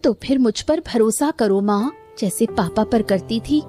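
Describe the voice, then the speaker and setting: A woman voicing a weary middle-aged mother in an animated story, emotional and tearful. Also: a little high, unhurried, over music, close to an everyday voice. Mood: tender. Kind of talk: Hindi cartoon voice acting.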